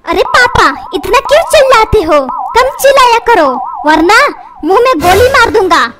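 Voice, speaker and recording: एक महिला कार्टून में बदतमीज़, मुँहफट स्कूली लड़के की आवाज़ दे रही है, जो पलटकर जवाब देता है।. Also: female voice, very high voice, animated, moderate pace, heavy background noise. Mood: cheeky. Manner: sassy, talks back, threatens. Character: cheeky rude cartoon schoolboy son. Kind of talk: comedy cartoon dubbing.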